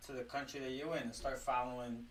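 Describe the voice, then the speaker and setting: A man's voice: medium pitch, level tone, fast. A man from Costa Rica co-hosting a laid-back podcast, explaining things plainly and leaning on "you know." He sits a little back from the microphone, so his voice comes across slightly distant. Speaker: podcast co-host. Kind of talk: casual podcast chat.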